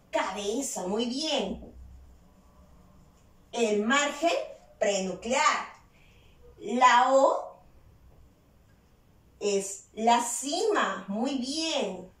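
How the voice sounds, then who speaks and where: A high-pitched woman teacher speaking at an unhurried, careful pace. She often poses questions to the class and answers them herself, leaning on the key words. Her voice sits back from the mic in a roomy, echoing space. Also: fairly bright tone, recorded from a distance. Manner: slow, deliberate explaining with stressed key words. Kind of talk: virtual class lesson.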